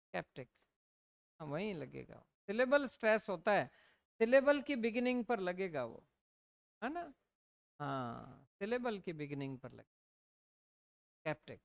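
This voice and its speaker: This is a woman with an Indian English accent teaching a poetry lesson. She speaks in a smooth, clear voice at a very unhurried pace. She drawls each verse line out and then explains it plainly. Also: mid-range voice, highs cut off. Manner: reads verse lines slowly, then explains in Hindi.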